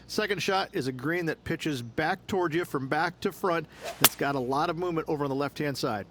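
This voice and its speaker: A man's voice: a little high, brisk. Male golf analyst over outdoor noise. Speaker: golf commentator, course analyst.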